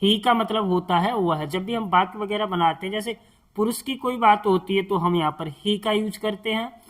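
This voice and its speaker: A man's voice: high voice, normal speed, fairly bright tone. A man teaching beginners, spelling out words letter by letter and patiently asking the listener questions. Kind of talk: spoken English lesson for beginners.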